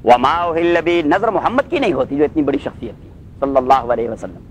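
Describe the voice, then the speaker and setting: A male Islamic scholar giving a Quran commentary class, reciting Arabic phrases slowly, then explaining them and checking with his listeners, with English phrases mixed in. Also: mid-range voice, very animated, slight background noise. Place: class in Los Angeles.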